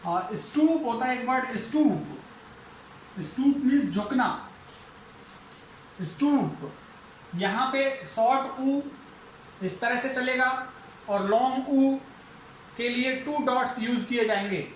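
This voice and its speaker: A male teacher from India giving a phonetics lesson, slowly repeating and drawing out example words. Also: very high voice. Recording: very echoey room, faint noise.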